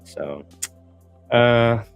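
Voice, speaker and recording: A man's voice: medium pitch, lively intonation, drawn-out words, creaky, faint music behind. A man with a Malaysian accent co-hosting a casual live chat, talking in a hesitant, rambling way. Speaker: co-host of a live stream.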